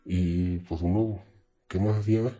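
A man's voice: low voice, measured pace, faint music behind. A young man with a Mexican accent, telling his story in an interview in casual, swear-laden slang. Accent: Mexican Spanish. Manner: streetwise, swears often, relaxed.

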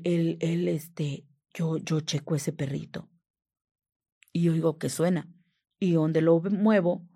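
A woman with a northern Mexican accent giving personal testimony, halting and often sinking to a whisper. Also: fairly low pitch. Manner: hushed, often dropping to a whisper, frequent tag questions; halting, with repeated restarts.

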